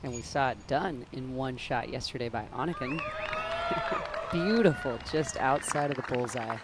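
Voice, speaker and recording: A woman giving admiring golf commentary and shot analysis, with loud outdoor noise behind her. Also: a bass voice, wildly swooping pitch, moderate pace, over a noisy crowd. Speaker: disc golf color commentator.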